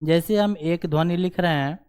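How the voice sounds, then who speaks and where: A man's voice: fairly high pitch, moderate pace, a little mellow, clean tone. A man teaching a grammar lesson, explaining step by step and checking in with the class after nearly every phrase. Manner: repeats "ठीक है ना" as a check-in filler.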